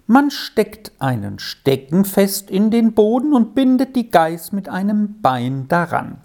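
A woman's voice: medium pitch, very animated, slow, dark tone, voice pushed up. A woman voicing a cocky, scheming young herd boy in a storybook reading, talking in a brash, coaxing, sly way.

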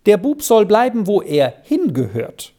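A gossipy village landlady scolds her neighbour bluntly, as the storybook reader puts her on. Her voice rises above the narration and swings in a lively way. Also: mid-range voice, measured pace, pitched above the performer's own voice. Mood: scolding. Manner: blunt, reproachful.

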